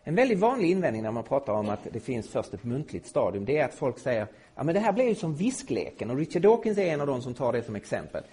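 A middle-aged man teaching a Bible lesson to a live audience, emphatic and at times rising to loud indignation. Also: medium pitch, very animated, hardly any pauses, breathy edge.

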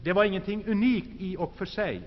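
A man preaching an earnest sermon, rising in force and then sinking to hushed, low phrases. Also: expressive. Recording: dull, lo-fi recording with long hall reverb.

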